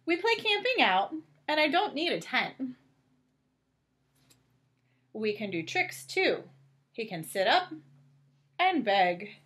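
A middle-aged woman with a high voice reads a picture book aloud to children in a teacherly way, from a small bedroom at home. Her delivery is expressive and deliberate, stretching out words for emphasis.

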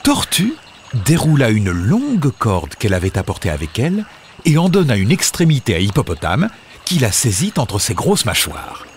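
A man narrating a children's fable, expressive and dramatic. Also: mid-range voice, moderate pace, a little hiss or hum. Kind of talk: scripted storybook narration.

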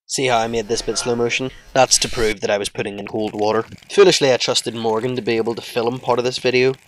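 A man's voice: medium pitch, fairly even intonation, fast, a little hiss or hum, poor audio. A young man narrating his own home video as a scripted voice-over, with a wry, self-mocking manner. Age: young adult.

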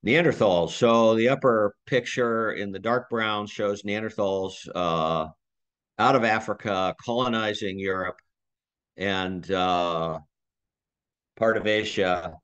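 A man's voice: on the low side, slow pace, fairly bright tone, smooth. A man giving a conversational slide lecture, thinking aloud with restarts and small laughs. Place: community talk room.

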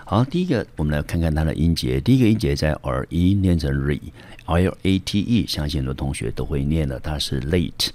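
A man's voice: very deep voice, animated, fast talker, hardly any pauses, a little mellow. A man teaching English vocabulary in Mandarin with a Taiwanese accent, explaining step by step with many fillers. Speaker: high school English teacher. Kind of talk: vocabulary lesson.

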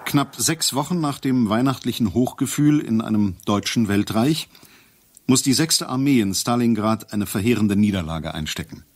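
A man's voice: lowish voice, lively intonation, moderate pace, slight background noise. A man reading scripted documentary narration. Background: music.

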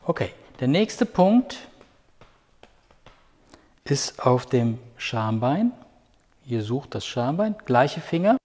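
A man teaching a home yoga class, giving calm, patient step-by-step cues with a clip-on mic. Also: medium pitch, slow pace, pauses often. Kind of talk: guided yoga instruction. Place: room at home. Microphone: clip-on microphone. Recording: long hall reverb.

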